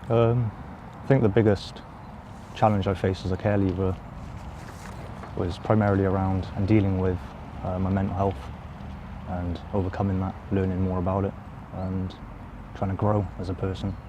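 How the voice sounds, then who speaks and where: A man of twenty-three, a care leaver, speaking slowly and reflectively. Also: deep voice, level tone, highs cut off, noisy background. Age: 20s. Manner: slow, reflective, quiet. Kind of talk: interview to camera.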